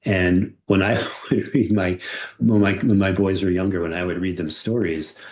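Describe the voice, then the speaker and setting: Middle-aged man, very low voice, playful host, chatty conversation. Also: moderate pace. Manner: animated, playful, slips into character voices. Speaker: podcast host and audiobook narrator. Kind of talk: casual conversation.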